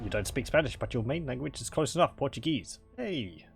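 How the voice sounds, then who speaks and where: A man giving casual, halting gameplay commentary, thinking aloud as he chats with his viewers. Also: mid-range voice, expressive, vocal fry. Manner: musing aloud, chuckling, halting. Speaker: video game streamer. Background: game music.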